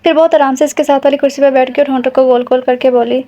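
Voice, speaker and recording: A woman narrating a romance audio novel in a steady storytelling way, with the odd restart. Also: high voice, rapid-fire. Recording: dull recording with faint hiss.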